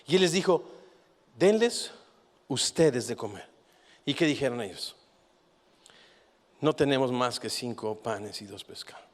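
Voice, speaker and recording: A man preaching a sermon with animated delivery, rising to forceful peaks and dropping to quiet, reflective passages. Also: medium pitch, unhurried, long pauses. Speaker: pastor. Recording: long hall reverb.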